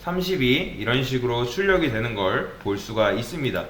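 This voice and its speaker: Lively, bright-voiced man teaching coding. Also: mid-range voice, normal speed, reverberant, a little hiss or hum. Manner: asks rhetorical questions and answers them. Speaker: programming instructor. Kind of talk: coding lecture with questions to viewers.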